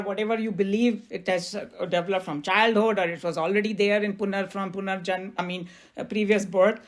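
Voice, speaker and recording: A woman with an Indian accent explains scripture in a spirited discussion, animated and quick to laugh. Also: mid-range voice. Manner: animated, laughing, mixes in Hindi phrases.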